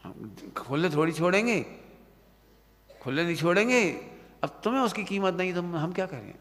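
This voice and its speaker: A man's voice: high-pitched, animated, normal speed, a bit bright. A man giving a stern Hindi religious discourse to students, often checking whether they have understood. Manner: stern, admonishing, asks listeners if they understood. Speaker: Jain preacher. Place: hall of a Jain study centre, at night. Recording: long hall reverb.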